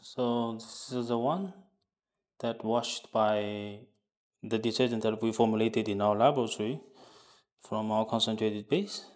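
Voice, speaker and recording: A man talking through a hands-on laundry test at a lab bench, unscripted, with many pauses, fillers and restarts. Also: fairly low pitch, fairly even intonation, darkish tone. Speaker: product demonstrator.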